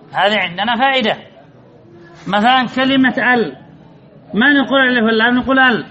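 A man's voice: very high-pitched, bright, forceful tone, poor audio. A man teaching grammar to a class, quizzing his students and repeating the key points. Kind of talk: classroom lesson with student questions.

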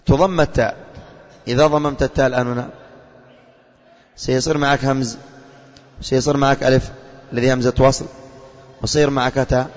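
A man's voice: medium pitch, fairly even intonation, fairly quick, pauses often. A male religious teacher giving a classroom lesson, quizzing his students and repeating their answers back to them. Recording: long reverb, dull lo-fi.

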